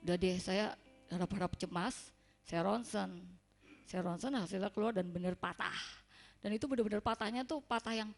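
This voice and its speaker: A woman's voice: medium pitch, normal speed, pauses often, soft background music. A young woman giving a personal testimony to a congregation, telling her story in a chatty way and acting out the dialogue she quotes. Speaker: church member giving a testimony.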